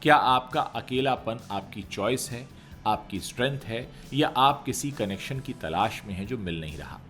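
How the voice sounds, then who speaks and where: A man's voice: medium pitch, expressive, moderate pace, fairly bright tone, faint music behind. A man giving conversational entertainment news commentary, talking straight to viewers with rhetorical questions.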